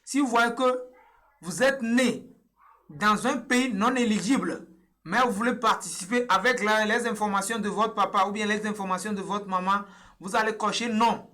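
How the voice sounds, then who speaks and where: A young man from Togo with a bright, high voice leads viewers through filling in an on-screen form, explaining each step patiently and repeating himself. He pauses often with small hesitations, recorded by webcam in a small indoor room.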